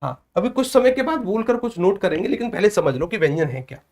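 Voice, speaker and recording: A male teacher giving an exam prep lecture on Hindi consonants in a classroom. He asks questions, answers them himself, repeats key points, and sounds out letters slowly. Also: high voice, big pitch swings, darkish tone.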